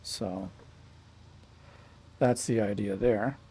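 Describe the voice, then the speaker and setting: Drawing out his words in a low, mellow, slightly rough voice, a man hosting a gaming channel chats about his play from his home desk. His intonation stays fairly even as he rambles, corrects himself, and talks to the small child next to him.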